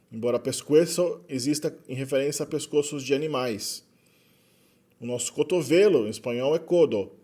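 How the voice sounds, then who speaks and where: In a relaxed explanatory lecture on linguistics, a man with a Brazilian Portuguese accent and a mid-range voice often tacks on tag questions and corrects himself.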